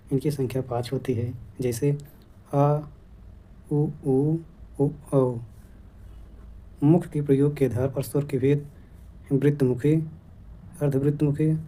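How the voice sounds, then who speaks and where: A man teaching an exam-prep grammar class, his voice very dark and mellow. He works through terms one by one at a steady, dictating pace, like a teacher reading notes to a class. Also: medium pitch.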